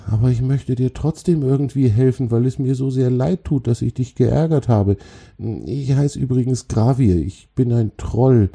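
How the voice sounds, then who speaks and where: A meek, gentle young male troll in a storybook, kindly and apologetic, as a man puts him on. His voice is raised a little above a deep, mellow base and sounds soft and slightly husky. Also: moderate pace. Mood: apologetic, friendly.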